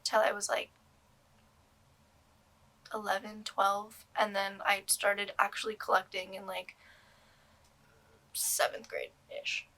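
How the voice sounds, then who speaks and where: A woman's voice: mid-range voice, little pitch movement, slow pace, long pauses, sharp tone. A young woman doll collector talking casually to camera, rambling with many ums and restarts. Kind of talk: casual vlog review.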